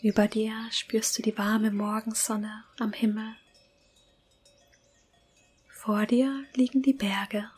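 A woman whispering a slow, calm guided meditation. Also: mid-range voice, husky, faint music behind.

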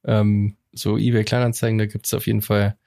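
A man's voice: on the low side, level tone, normal speed, gravelly, mellow, dry recording, studio quality. A man co-hosting a casual podcast chat, telling stories in a loose, slangy way and dropping in English words. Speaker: podcast co-host.

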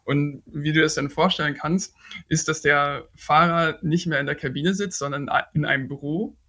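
A young man in his twenties talks through his company's story in an interview. He is earnest and hesitant, with frequent "uh" fillers. His voice sits a little high for a man. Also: steady tone, normal speed, sharp tone. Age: 20s. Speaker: startup co-founder and CEO. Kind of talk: podcast interview.

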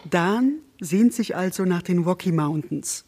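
A woman's voice: on the low side, lively intonation, measured pace, music in the background. A woman journalist hosting a book podcast, summarizing a novel and putting questions to the author in a composed, explanatory way. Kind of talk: interview, book discussion.

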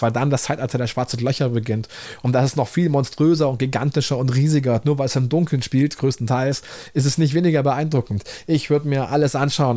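A man's voice: fairly high pitch, darkish tone. A man hosting a podcast, rambling enthusiastically in slangy, casual talk with many restarts. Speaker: podcast host. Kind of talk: casual storytelling monologue.

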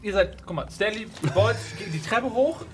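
A man's voice: sits high, animated, normal speed, music in the background. A man playing a tabletop game, goofy and joking with the others. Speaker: player. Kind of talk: casual chat during a tabletop game.

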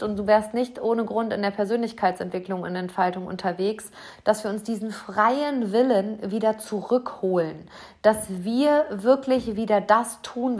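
A woman speaks directly to her listener in a motivational talk. She sounds earnest and direct, and she drops her pace to press home her key questions. Her voice sits at an ordinary middle pitch for a woman.

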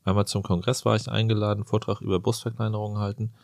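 Deep-voiced joking male podcast host. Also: level tone, fast, creaky, dry recording, clean studio sound. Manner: jokey, chatty storyteller. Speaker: podcast host and plastic surgeon. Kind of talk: casual conversational interview.

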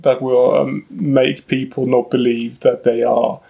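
Relaxed male podcast host. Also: mid-range voice, unhurried, gravelly, narrow, tinny audio. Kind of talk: casual round-table chat.

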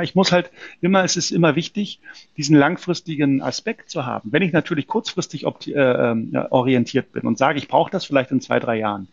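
Gravelly-voiced man explaining gold investing. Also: on the high side, no echo, dull audio. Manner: explanatory, hesitant with fillers and restarts. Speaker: precious metals company representative. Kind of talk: conversational interview answers.

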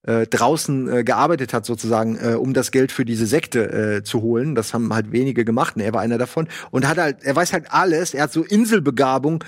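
A man casually reviewing a book in a video, rambling with lots of fillers and lively asides. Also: mid-range voice, a little fast, few pauses, no echo, studio quality.

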